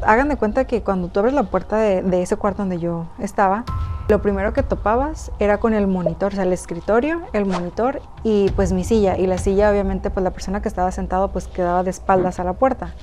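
A woman's voice: medium pitch, fast, warm tone. A young woman with a Mexican accent, chatting to her viewers as she tells a personal story, with many fillers. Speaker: YouTuber telling a personal story. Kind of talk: casual storytime narration. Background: background music.

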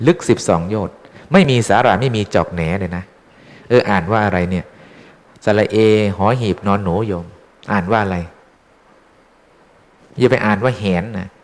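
Low-voiced monk chatting thru a dharma talk, teasing the crowd w questions, echoey temple hall. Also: male voice, normal speed, pauses often. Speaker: Buddhist monk teaching dharma. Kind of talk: informal dharma talk to lay followers. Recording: long hall reverb.

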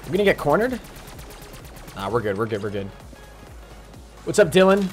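A man talking through a live game stream in a slightly high, very lively voice. He chats casually, greets viewers by name and breaks into sudden excited outbursts. Faint game music plays underneath. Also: normal speed. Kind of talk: live gaming stream commentary.

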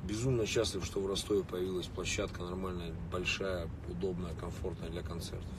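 A man's voice: low voice, little pitch movement, fairly quick. A man in his late thirties chatting casually with fans on a livestream from inside a car in city traffic, greeting viewers by name. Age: late 30s. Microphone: phone held or mounted at arm's length. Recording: distant phone mic with street noise.

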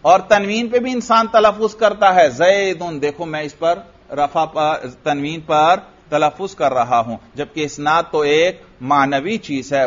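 High-voiced Pakistani teacher quizzing his class. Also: highs cut off. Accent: Pakistani Urdu. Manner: explains step by step and quizzes students with questions; recites Arabic grammar examples and then explains them. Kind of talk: classroom lecture.

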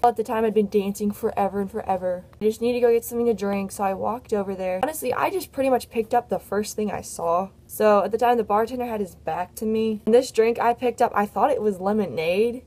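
A young woman vlogger telling a personal story in a chatty, candid way, her voice a little hoarse because she is losing it. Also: mid-range voice, darkish tone. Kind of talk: casual storytelling vlog.

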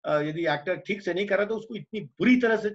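Blunt, high-voiced Indian theatre director on a video call. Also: male voice, fairly quick, slight background noise. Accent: Indian Hindi. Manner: blunt, emphatic, earthy teacher. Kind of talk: online workshop conversation. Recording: muffled video-call audio.

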